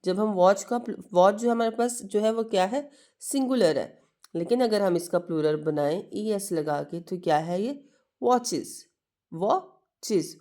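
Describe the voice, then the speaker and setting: A woman's voice: medium pitch, dark tone. A woman teaching an English lesson to students, patiently asking questions and answering them herself while mixing two languages. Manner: mixes Hindi-Urdu with English, calls students "beta". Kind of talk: classroom lesson explanation.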